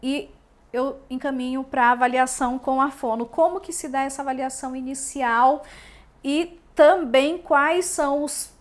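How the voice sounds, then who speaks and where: A woman with a Brazilian Portuguese accent, a pediatrician hosting a podcast, adding points and asking questions in a measured way. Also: high voice, steady tone. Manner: measured, asks and adds points. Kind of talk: interview questioning.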